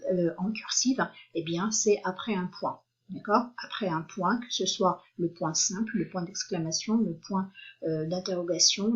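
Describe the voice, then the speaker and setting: A patient woman teaches a beginners' reading lesson, spelling out letters and syllables slowly. Her voice is husky and a little breathy. The recording sounds dull and lo-fi. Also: medium pitch. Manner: patient, repeats "d'accord?" often, hesitant fillers.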